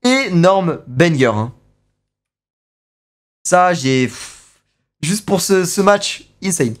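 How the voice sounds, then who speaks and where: A young man streaming live and reacting to a video. He talks excitedly, with lots of slang and repeated exclamations. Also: high-pitched, drawn-out words.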